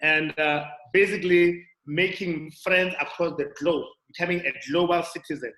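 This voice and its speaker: A man from South Africa pitches a business opportunity over a video call. His voice is bright and forceful, sits a little high, and carries a roomy echo. He stumbles through restarts and fillers as he goes. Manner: halting, many restarts and fillers. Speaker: guest speaker on a call. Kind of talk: motivational sales presentation. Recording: echoey room audio.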